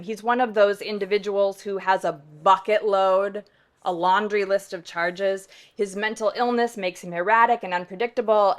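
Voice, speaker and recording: A woman pastor with a mid-range voice tells a true story to a live audience. Conversational yet emphatic, she often adds "right?" and drops to a hush for effect.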